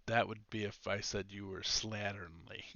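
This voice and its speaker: A man running a tabletop game as game master, relaxed and joking, laughing often. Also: on the low side, normal speed, gravelly, dry recording, lo-fi sound.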